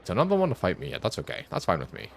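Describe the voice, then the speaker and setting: A man with a low voice streams a game, talking very fast with huge swings in pitch. He jokes casually, sometimes crudely, talks to himself, and reads on-screen text aloud. Game music and dialogue play in the background, and there's a faint hiss or hum.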